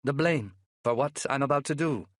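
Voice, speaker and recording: A man voicing a cold, menacing crime boss who speaks softly with a Russian accent. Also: mid-range voice, moderate pace, no room sound, clean studio sound, voice pushed up, close to an everyday voice. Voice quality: soft-spoken.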